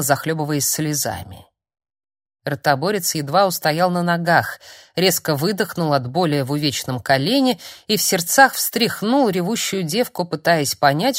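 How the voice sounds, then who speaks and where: A woman reading a folk-style story aloud in a lowish, expressive voice. Her telling is steady and clear. The recording is dry and close, with no room sound. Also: dry recording. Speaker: audiobook narrator. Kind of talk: scripted story narration.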